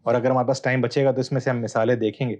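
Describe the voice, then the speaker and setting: A man, a Bible scholar guest, explaining texts in a measured, teacherly way with hesitant pauses. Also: mid-range voice, little pitch movement, a little mellow. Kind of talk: explanatory interview answer.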